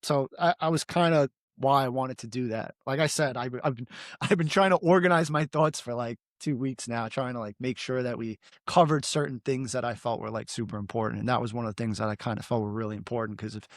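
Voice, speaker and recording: A man's voice: mid-range voice, steady tone, a little fast, dry recording, clean studio sound. A man in his thirties, a podcast host, talking casually and rambling with lots of filler words. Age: 30s. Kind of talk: casual conversation.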